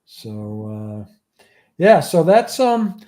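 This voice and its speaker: A man's voice: fairly high pitch, big pitch swings, drawn-out words, dark tone. A man hosting a livestream show, giving audio news in a loose, rambling casual chat.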